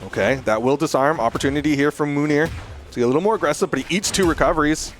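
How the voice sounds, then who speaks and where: A man's voice: a little high, racing. A man working as an esports caster, giving play-by-play commentary on a fighting game in short bursts.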